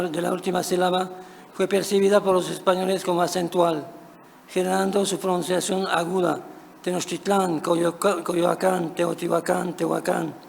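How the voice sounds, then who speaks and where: A man reading a prepared academic paper at a conference, measured and careful, now and then correcting a word. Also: high-pitched, vocal fry. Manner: measured, careful delivery with occasional self-corrections. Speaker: conference speaker. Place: large conference hall. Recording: reverberant conference hall, faint noise.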